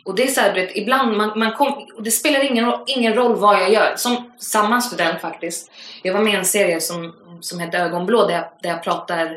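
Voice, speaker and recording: A woman guest on a podcast, telling stories in a casual, animated way, full of fillers. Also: medium pitch. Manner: animated storytelling with frequent fillers. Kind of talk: casual conversation. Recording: roomy echoey room.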